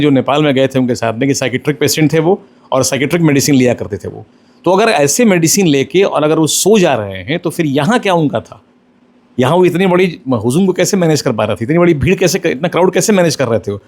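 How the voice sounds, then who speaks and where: A middle-aged male lawyer answering interview questions, explaining step by step in a measured way and mixing in English legal terms. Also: on the high side, lively intonation.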